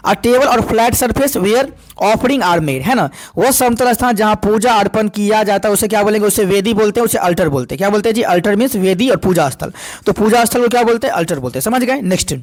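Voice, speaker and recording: A man teaching an exam-prep vocabulary class, asking and answering his own questions over and over and reading definitions slowly. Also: sits high, lively intonation. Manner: repetitive call-and-response questioning, slow over English definitions.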